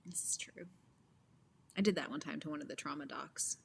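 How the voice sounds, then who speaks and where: A woman's voice: sits low, fairly quick, gravelly, slightly rough. A woman who works as an ER nurse, chatting casually on a podcast and telling candid stories with a sarcastic edge. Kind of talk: casual chat.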